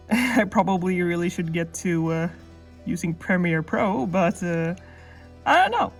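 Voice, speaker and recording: A woman's voice: fairly low pitch, measured pace. A woman narrating a devlog in an informal, self-deprecating way, recorded close under a blanket on an older camera's mic. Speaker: animation student vlogger. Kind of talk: casual devlog voice-over narration. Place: under a blanket indoors, processed in editing. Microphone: older camera used as mic. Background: music.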